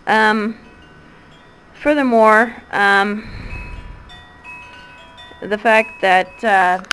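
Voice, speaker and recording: The audio is poor, with a little hiss or hum, as a Midwestern American woman in her thirties rambles through a voice message. Her medium-pitched, fairly bright voice is extremely slow and fairly even in intonation. She hesitates all the time, using ums and restarting her sentences.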